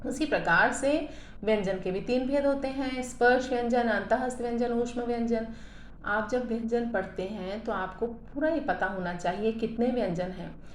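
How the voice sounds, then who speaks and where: A woman's voice: on the high side, normal speed. A woman teaching a school grammar lesson, explaining patiently, checking in with her students, and modeling sounds aloud for them to repeat. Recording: echoey room with faint ambient noise.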